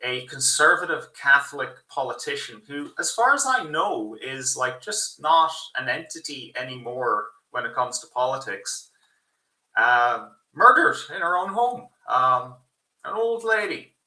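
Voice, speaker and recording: Man with a thin, tinny, bassless voice. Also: lively intonation, unhurried, sharp tone. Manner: rambling, swears often. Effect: thin tinny voice with no bass from the wrong built-in microphone. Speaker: livestream host. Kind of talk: casual livestream commentary. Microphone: built-in PC microphone picked by default. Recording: tinny distant echoey built-in PC microphone.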